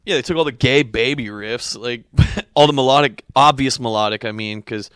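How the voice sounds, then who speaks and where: A man's voice: mid-range voice, moderate pace, a bit bright, clean tone, no room sound, clean studio sound. A young man from California co-hosting a podcast, chatting loosely and profanely with a friend, laughing easily. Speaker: podcast co-host. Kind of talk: casual chat.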